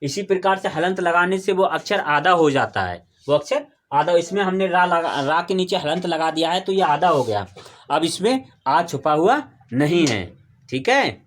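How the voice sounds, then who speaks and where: A man's voice: on the high side, expressive, moderate pace, fairly bright tone. A man teaching a classroom grammar lesson, quizzing his students with call-and-response questions and patiently repeating the key terms.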